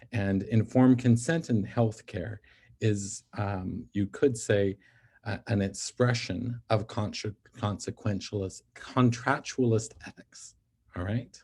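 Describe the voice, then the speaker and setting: A man with a fairly low, mellow voice lectures on ethics in a steady, explanatory way. He pauses often to check in with his listeners, asking whether they follow before moving on. The delivery is patient and methodical. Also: slightly rough. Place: NICU physician.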